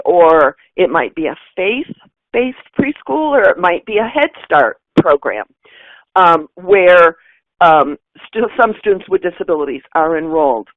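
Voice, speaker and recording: A woman answers an audience question in a webinar and explains things step by step. Her voice comes through a narrow, tinny phone-like line with no room echo. She speaks at a middle pitch. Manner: explanatory, careful spelling out.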